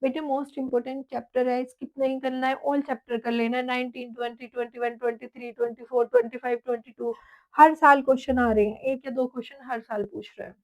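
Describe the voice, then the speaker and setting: A woman's voice: a little high, fairly even intonation, fast talker, darkish tone, poor audio. A woman teaching an exam-prep biology lesson, listing topics and past question counts and calling her students "beta".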